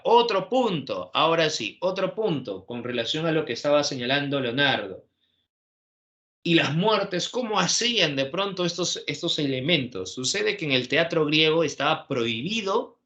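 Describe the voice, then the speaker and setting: Hombre, profesor, clase expositiva, voz brillante y enérgica, muletillas interrogativas. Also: male voice, on the high side, normal speed, muffled recording. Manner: animated, constant tag questions. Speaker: teacher. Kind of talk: classroom lecture.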